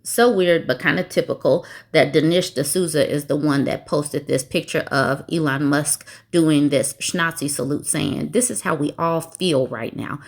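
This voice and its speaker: A woman with a somewhat low voice hosts a political commentary show. She reads news articles aloud and then cuts in with sarcastic, mocking remarks of her own. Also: measured pace, hardly any pauses.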